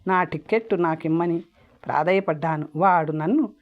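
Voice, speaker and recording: A woman's voice: lowish voice, moderate pace. Woman reading a story aloud, lo-fi. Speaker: audiobook narrator. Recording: dull lo-fi audio.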